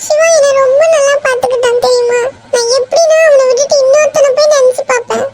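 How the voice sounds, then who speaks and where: A woman's voice: steady tone, fast, darkish tone, rough recording. A woman voicing a tearful young woman in a cartoon, pleading and sobbing as she insists on her love. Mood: earnest. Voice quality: very high shifted cartoon voice. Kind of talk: cartoon voice acting.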